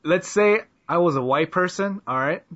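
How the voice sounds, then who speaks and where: A man from the southern United States hosts a casual podcast chat in a high-sitting, slightly bright voice at normal speed. Jokey and teasing, he ribs his guests, swears, and laughs often. The audio is muffled and lo-fi.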